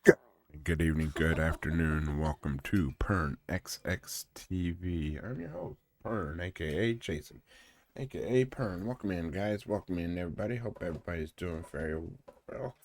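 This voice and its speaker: A man's voice: low voice, animated, normal speed, gravelly, a little mellow, slight background noise. A man hosting his own live stream in casual chat, playful and joking, swearing freely. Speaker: streamer host.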